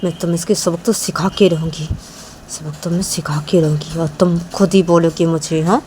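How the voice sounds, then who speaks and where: A woman's voice: fairly low pitch, steady tone, moderate pace, warm tone, a little hiss or hum, natural voice. A woman voicing a hot-tempered, jealous young woman who scolds and threatens, repeating herself, in an amateur audio story. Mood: threatening. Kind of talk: amateur storytelling with voiced dialogue.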